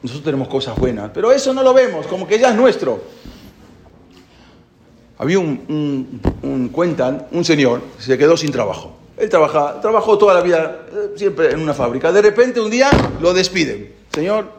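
A man preaches a sermon and tells it as a story. His slightly high voice carries a gravelly edge. It swings widely in pitch as he works through a parable, repeating phrases as he goes. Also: big pitch swings, brisk, a little hiss or hum.

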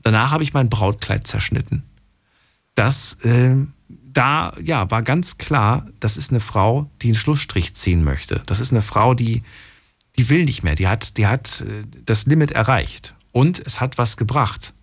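Gravelly-voiced male radio call-in host. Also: mid-range voice, lively intonation, measured pace. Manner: probing, eager questions to the caller. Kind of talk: late-night radio call-in chat.

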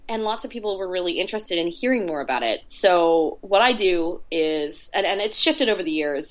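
A woman's voice: on the low side, a bit bright. A woman talking casually as a podcast guest, a chatty storyteller with lots of filler words. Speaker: podcast guest, indie game PR producer. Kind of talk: casual interview talk.

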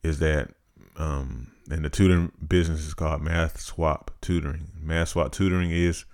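A man in his thirties co-hosting a podcast, talking in a measured, reflective, casual way. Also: very deep voice, fairly even intonation, darkish tone. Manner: measured, reflective, practical-minded. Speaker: podcast co-host. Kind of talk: casual chat.

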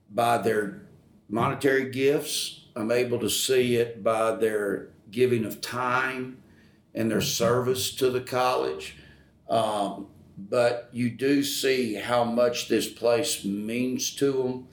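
An older retired man answering podcast interview questions in a halting way, with many fillers and restarts, and growing emotional. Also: medium pitch. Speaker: retired college staff guest. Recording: roomy echo.

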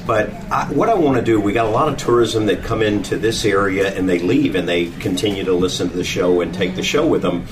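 A man's voice: lowish voice, brisk, few pauses. A man hosting a radio interview at a racetrack in a casual, enthusiastic style. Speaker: radio show host. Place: at a speedway beside the race. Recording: slightly distant, clear racetrack noise. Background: racetrack ambience.

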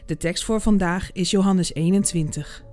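Mellow-voiced woman reading a devotion. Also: lowish voice, soft background music. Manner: calm, measured reading. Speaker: devotional podcast host. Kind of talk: devotional Bible reading and reflection.

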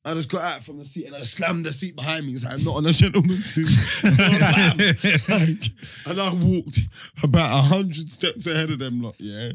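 A man's voice: a little high, expressive, unhurried, hardly any pauses, a bit bright, slightly rough. A young man with a London accent, chatting and telling stories casually in heavy roadman street slang.

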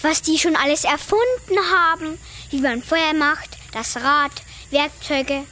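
Woman doing a storybook giraffe, complaining, high voice, bright and sharp tone. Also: unhurried, slight background noise. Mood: grumbling. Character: grumbling young female giraffe, chatty and dreamy. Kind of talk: children's storybook reading.

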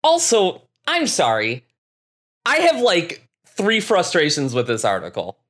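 A man co-hosting a casual podcast, talking in animated rants with frequent restarts. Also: fairly high pitch, a little slow. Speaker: podcast co-host.

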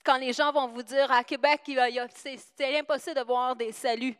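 A woman with a Quebec French accent interprets a sermon phrase by phrase. Her voice is high and smooth. She keeps pace with the preacher and climbs with him toward his loud peaks, with the odd hesitation. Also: fairly even intonation, quick pace. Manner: echoes the preacher's rising intensity, some hesitations. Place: church hall.

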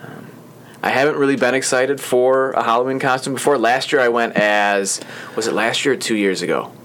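This young podcast host talks fairly quickly in a steady, mid-range voice with a slight brightness, over a faint hiss or hum. Sitting in a small studio, he chats casually and wanders off topic, leaning heavily on fillers.

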